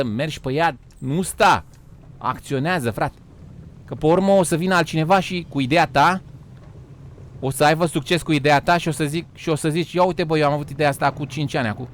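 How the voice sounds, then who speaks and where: A Romanian man streaming a game live, joking loudly, swearing and calling his viewers "frate", often breaking into shouts and laughs. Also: on the high side, slight background noise. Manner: swears and says "frate" a lot. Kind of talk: live gaming stream chat.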